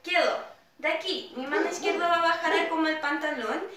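A woman's voice: very high-pitched, normal speed, a crowd in the background. A woman teaching an online dance class, counting beats aloud and calling out cues over the music, recorded from a distance in an echoey room. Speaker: dance instructor. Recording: roomy echo, distant mic, loud music. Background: loud pop music.

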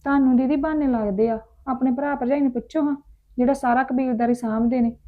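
A woman's voice: high-pitched, fairly even intonation, fast, phone-quality sound. A woman playing a younger relative, reassuring and persuasive. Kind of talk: village drama acting.

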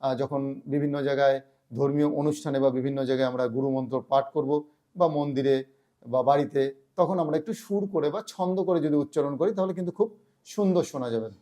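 A man's voice: on the high side, mellow. Man teaching careful mantra pronunciation. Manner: slow, drawn-out syllable-by-syllable pronunciation; chants lines in a melodic tune. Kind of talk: explanatory lesson.

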